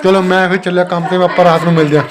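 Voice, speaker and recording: A crowd can be heard behind a young father as he races through casual vlog narration of a family outing. His high voice is flat, and he talks to his kids lovingly and coaxingly, often seeking their agreement.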